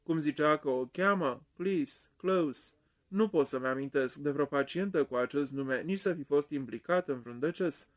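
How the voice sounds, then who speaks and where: A cool, self-possessed doctor, as an audiobook reader puts him on, talking his way around things. The voice sits slightly high. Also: lightly acted. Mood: composed. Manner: composed, evasive. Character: smooth middle-aged male doctor, self-possessed.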